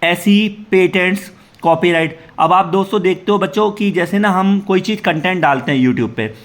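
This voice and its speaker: A man teaching a commerce class to students. He asks the class questions and answers them himself. He reads English definitions slowly, then explains them in Hindi. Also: high-pitched.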